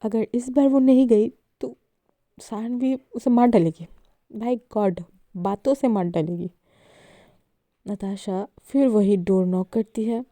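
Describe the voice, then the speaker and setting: A woman's voice: fairly high pitch, slow, pauses often, mellow, no echo. A woman casually narrating a love story to her listeners in a chatty way, mixing in English words.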